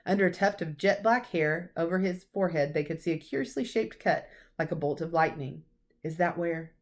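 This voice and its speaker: Like a teacher reading to young children, a woman narrates a storybook aloud with expression. Her voice is fairly low and her pace brisk.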